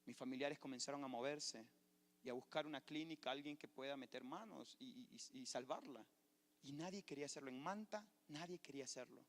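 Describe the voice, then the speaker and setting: Fervent pastor in an echoey church. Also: male voice, medium pitch, a little fast. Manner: fervent preacher, storytelling testimony. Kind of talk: sermon. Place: church sanctuary.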